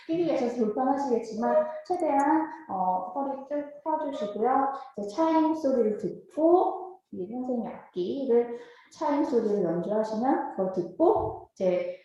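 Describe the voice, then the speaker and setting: A woman hosting and interpreting a lecture in a polite, formal way, with drawn-out hesitations. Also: on the high side, expressive, warm tone, lo-fi sound, slight background noise. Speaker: host and interpreter. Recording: very echoey room.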